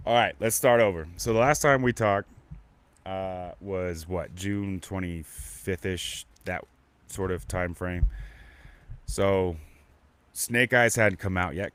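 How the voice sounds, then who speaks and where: A man's voice: low voice, fairly bright tone, clear, resonant tone. A man hosting a casual live podcast, talking in a rambling, stop-start way with lots of restarts and fillers. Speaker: podcast host. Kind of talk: casual live-stream chat.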